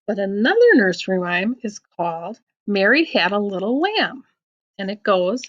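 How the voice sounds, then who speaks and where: A woman, mid-range in pitch, delivers rhymes to children in the manner of a teacher. Her storytelling is sing-song, deliberate, and expressive, captured in dull, lo-fi audio.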